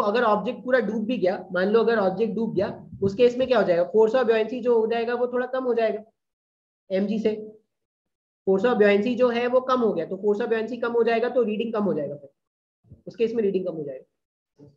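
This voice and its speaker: A man's voice: sits high, normal speed, darkish tone. A man teaching a class in a casual way, often checking whether the students follow. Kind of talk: classroom lecture. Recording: dull lo-fi recording.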